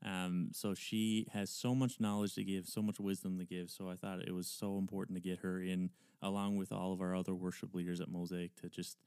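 A man with a fairly low, clean and smooth voice hosts a podcast conversationally. He is effusive and complimentary, and the sound is close and dry. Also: flat delivery, brisk, few pauses, a little mellow, dry recording. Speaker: podcast host. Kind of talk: casual conversational podcast hosting.

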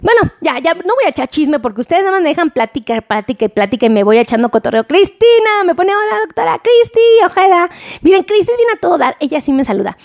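A woman's voice: high-pitched, very animated, fast talker, hardly any pauses, darkish tone. A woman with a Mexican accent hosting a casual health livestream, chatting playfully with viewers and greeting them by name, recorded on her phone. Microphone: phone camera.

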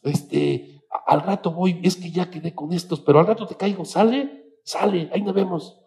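A man's voice: high voice, normal speed, darkish tone, voice pushed up. A man with a Mexican accent voicing a friendly, easygoing teenage boy calling out across a party. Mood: breezy. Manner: breezy, easygoing.

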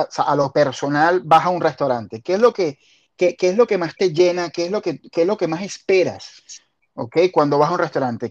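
A man's voice: sits high, a little mellow, dull audio. A man from Venezuela hosting a casual interview, talking at length and often restarting his words. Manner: talkative, repeats and restarts words. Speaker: podcast host.

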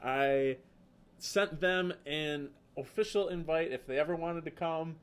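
A man from Wisconsin with a Wisconsin accent, co-hosting a casual podcast and telling stories in a relaxed way with filler words. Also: fairly high pitch, a little slow, clear, resonant tone. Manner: easygoing, storytelling with filler words. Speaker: podcast co-host.

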